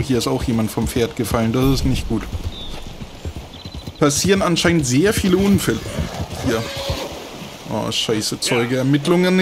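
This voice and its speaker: Slow-talking man commenting on a game. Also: medium pitch, noisy background. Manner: chatty, talks to the horses, bursts of frustrated cursing. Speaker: let's play host. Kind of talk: casual gameplay commentary. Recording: game sounds of horses and hooves loud behind. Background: game audio with horse hooves.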